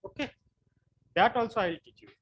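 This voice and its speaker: Halting Indian-accented male physics lecturer. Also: very high voice, lively intonation, slightly rough, dull audio. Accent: Indian English. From West Bengal, India. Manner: slow, halting explanation with frequent repetitions. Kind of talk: online class lecture.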